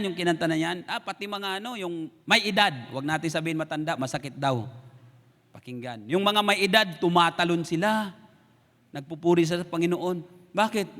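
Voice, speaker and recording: Filipino pastor guy telling stories from the pulpit, kinda high voice, big hall echo. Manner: storytelling, animated, acts out quoted lines. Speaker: preacher. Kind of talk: sermon with personal stories. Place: church sanctuary.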